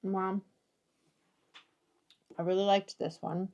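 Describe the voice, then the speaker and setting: A woman's voice: medium pitch, flat delivery, takes it slowly, creaky, darkish tone. A young woman, the host's daughter, chatting playfully as a guest and repeating phrases for fun. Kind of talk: casual chat.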